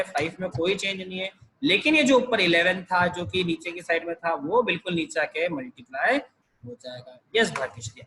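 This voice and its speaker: A man's voice: high voice, sharp tone, a little hiss or hum, low-quality recording. A man teaching a math class over a video call, explaining each step patiently. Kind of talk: online math lesson.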